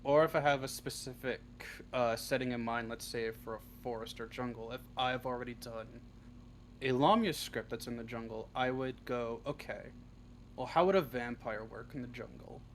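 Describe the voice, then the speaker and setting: An interview guest who writes audio roleplay scripts answers casually and off the cuff, talking freely and swearing a lot. His voice is mid-range at a normal speed, with slight background noise.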